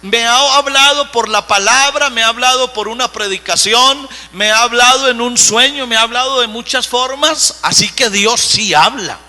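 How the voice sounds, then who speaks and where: A man preaching a live church sermon as pastor, emphatic and given to sudden shouts. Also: very high-pitched, normal speed, few pauses. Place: church sanctuary. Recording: echoey hall with mains hum.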